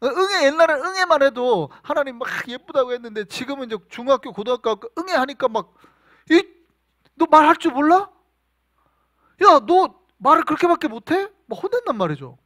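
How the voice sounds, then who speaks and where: A male pastor preaching a sermon, telling animated stories and asking the congregation questions. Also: sits high, no echo.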